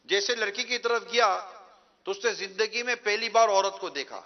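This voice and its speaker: A male preacher telling a moral story in a sermon, earnest and drawn out, with slow emphatic endings. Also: sits high, dull audio.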